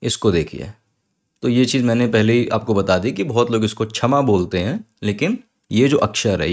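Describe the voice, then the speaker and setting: A man teaching an online Sanskrit lesson, patiently spelling words out slowly, sound by sound. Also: fairly low pitch.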